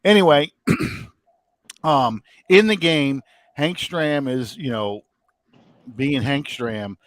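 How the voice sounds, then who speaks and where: A man's voice: a little high, very slow, dry recording. A man from the New Orleans area hosting a casual sports podcast, rambling and thinking aloud with many ums. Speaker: podcast host.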